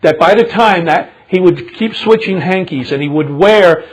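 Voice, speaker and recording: A man preaching a sermon with passion, swinging from low murmurs to loud indignant outbursts. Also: moderate pace, slightly rough. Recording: 2005 sermon recording.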